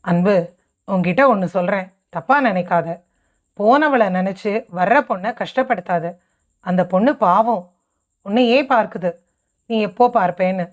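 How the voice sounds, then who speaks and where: Woman reading a blunt young man, frank best friend, voice pitched lower, dull lo-fi sound. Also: moderate pace, pauses often, close to an everyday voice. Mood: earnest. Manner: frank, pleading, brotherly. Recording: dull lo-fi recording.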